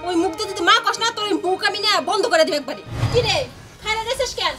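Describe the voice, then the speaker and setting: A woman playing a harsh, bitter village stepmother who scolds and threatens. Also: quick pace. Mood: scolding. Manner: shrill scolding, threatening, mocking. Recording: music playing under the voice.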